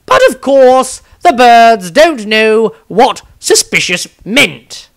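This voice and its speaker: A man performs an eccentric, self-satisfied wizard adventurer who grumbles through his diary in a fantasy story, theatrical, rambling and wry, in an indignant, chatty mood. His voice is very high-pitched and pushed up, very animated yet slow, and heavily acted.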